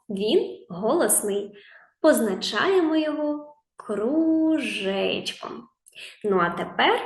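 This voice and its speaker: A woman teacher with a Ukrainian accent, leading a lesson for small children, drawing out each sound and asking gentle questions. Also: a little high, reverberant. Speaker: preschool teacher. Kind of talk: slow, patient lesson for young children.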